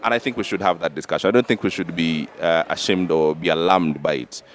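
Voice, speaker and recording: A man's voice: deep voice, quick pace, a little hiss or hum. A man co-hosting a political talk show, arguing emphatically and pressing his points with repeated checks like "all right?". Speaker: podcast co-host. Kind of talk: political debate.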